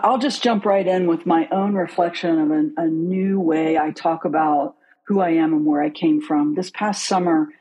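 A middle-aged business leader from West Virginia, telling their life story as a podcast guest in an earnest, open way that slows down on key points. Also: medium pitch, mellow, breathy edge, low-quality recording. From West Virginia, USA. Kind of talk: reflective personal storytelling.

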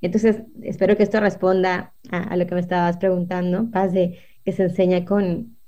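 A woman's voice: fairly low pitch, flat delivery, normal speed, highs cut off. A woman, earnestly explaining parenting as a guest and often checking in with her listeners. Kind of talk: conversational explaining on a podcast.

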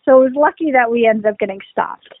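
A woman's voice: fairly high pitch, fast, dry recording. A woman co-hosting a casual podcast, telling rambling stories in a chatty, easygoing way. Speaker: podcast co-host. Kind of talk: casual chat. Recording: dry, phone-like lo-fi sound.

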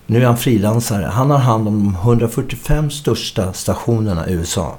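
A man's voice: on the low side, a little mellow. A middle-aged man, a musician guest, telling a story in a casual interview, acting out the quoted dialogue and swearing casually.

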